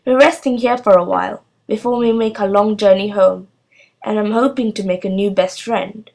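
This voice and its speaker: A prim, odd little schoolgirl from a storybook who speaks in formal, old-fashioned phrases, read aloud by a woman. Her delivery is steady and polite, with the manner of an elderly lady in a child's body. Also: medium pitch, moderate pace, vocal fry, natural voice. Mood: composed. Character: odd tiny eleven-year-old girl, posh and prim.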